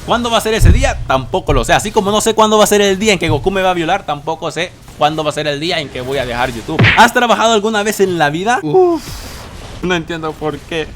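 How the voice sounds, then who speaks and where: A man's voice: high-pitched, animated, quick pace, a bit bright, soft background music. A young man in his twenties answering viewer questions in a casual vlog from his bedroom, swearing often and breaking into dramatic outbursts. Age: 20s. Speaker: youtuber.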